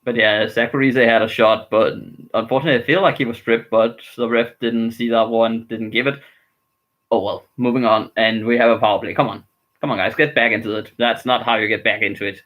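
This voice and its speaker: A man's voice: mid-range voice, steady tone, fairly quick, fairly bright tone, poor audio. Man streaming live hockey reactions. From Denmark. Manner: casual, rambling, frustrated with his team.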